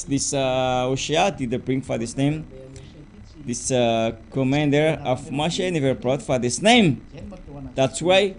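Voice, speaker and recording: Male preacher, high-pitched, slow and deliberate, emphatic. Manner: slow and deliberate, spells out words letter by letter, rising to emphatic insistence. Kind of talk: sermon teaching.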